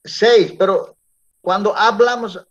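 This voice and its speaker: A man's voice: high-pitched, steady tone, slow, fairly bright tone, slight background noise. A male teacher giving a classroom lecture, often checking in with his students through tag questions. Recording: dull lo-fi classroom recording.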